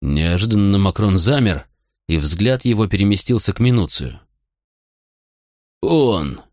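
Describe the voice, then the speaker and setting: A man narrating an audiobook with expressive storytelling. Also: on the low side, moderate pace, dry recording, studio quality. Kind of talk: scripted narration.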